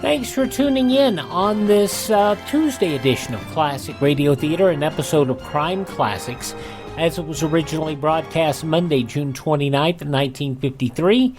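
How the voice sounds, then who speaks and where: An American-accented man works as a radio host, reading scripted ads and old news headlines in a presenter's style. His fairly high voice is expressive and moderately paced, heard over music.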